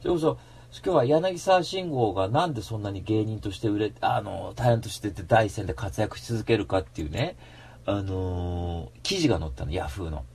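A man hosting a radio show in a casual rambling monologue, slangy and animated, breaking into mock-angry rants. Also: on the low side, normal speed, husky.

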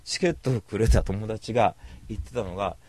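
A man's voice: on the low side, a little fast, mellow. A man rambling through a casual storytelling monologue, blunt and slangy, calling himself a cynic. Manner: slangy rough speech.

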